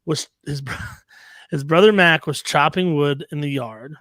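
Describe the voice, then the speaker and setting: A man's voice: fairly high pitch, unhurried, fairly bright tone, no echo, studio quality. A man co-hosting a casual sports podcast, telling stories in a laid-back way, with lots of "um" and "like". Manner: storytelling, laid-back, uses many "um" and "like". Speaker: podcast co-host. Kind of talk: casual chat.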